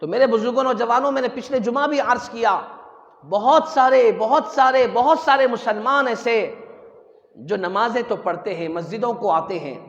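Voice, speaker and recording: Man, Friday sermon, repetitive urging, roomy echo, dull lo-fi sound. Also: extremely high pitch. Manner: earnest, repetitive exhortation with rhetorical questions. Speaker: mosque preacher. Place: large mosque hall. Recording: echoey hall, dull lo-fi mic.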